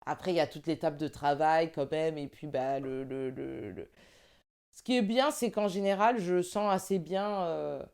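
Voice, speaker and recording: A woman with a slightly low voice chats in a casual discussion. She is informal and emphatic, working out her thoughts as she goes. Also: normal speed, vocal fry, a little mellow, smooth. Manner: informal, emphatic, thinking aloud. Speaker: film director and screenwriter.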